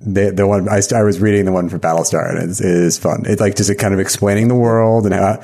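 Man, somewhat low voice; halting, filler-heavy casual talk. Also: fairly even intonation, mellow. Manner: halting, many "like"s. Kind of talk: casual chat.

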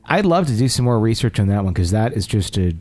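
Very animated and fast-talking, this podcast host has a lowish, darkish-toned voice. He chats casually and reads listener stories aloud in an agreeable, conversational way, with music running underneath.

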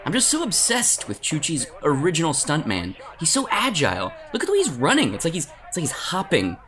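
Audio comedy scatterbrain adventurer, male actor: highish, lively swings, flippant, excitable. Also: fairly quick. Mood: distracted, excited. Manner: animated, flippant. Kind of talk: scripted audio comedy acting.

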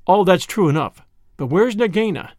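A man's voice: sits high, expressive, moderate pace, darkish tone, no echo, clean studio sound. A man reading aloud and voicing a small, brave male mongoose who talks with urgent determination. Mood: impatient.

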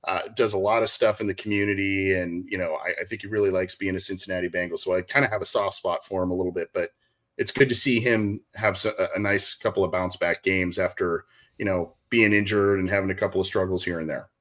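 An easygoing man with a low voice co-hosts a sports podcast. He fills his talk with small hesitations and restarts as he wraps up the segment. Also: steady tone, quick pace, fairly bright tone. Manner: easygoing, many fillers and restarts. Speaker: podcast co-host. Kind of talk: casual sports podcast chat.

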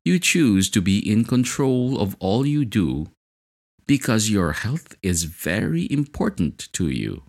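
A man leading a guided hypnosis session, speaking in a slow, soothing, hypnotic way. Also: lowish voice, big pitch swings, vocal fry, a little mellow. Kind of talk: guided hypnosis relaxation script.

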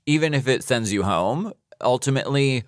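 A man's voice: mid-range voice, expressive, normal speed, no echo, clean studio sound. A man from New York co-hosting a podcast in casual chat, playful and teasing with dramatic exclamations. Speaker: podcast co-host.

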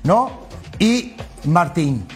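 A man analysing a football lineup on a sports panel, explaining step by step and checking in with quick tag questions. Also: a little high, very animated, soft background music.

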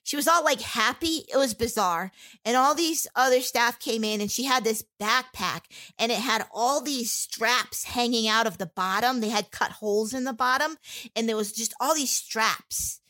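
A woman with a somewhat raised voice gives personal testimony in an interview. She speaks candidly and haltingly, often stopping to restart a sentence. Fillers fall all through her speech. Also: fairly high pitch, pushed and bright.

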